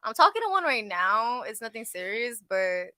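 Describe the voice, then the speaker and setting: A woman's voice: fairly high pitch, sing-song, normal speed, bright, forceful tone, dry recording, clean studio sound. A woman in her twenties, a dating show contestant, chatting candidly and laughing often. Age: 20s. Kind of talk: casual chat.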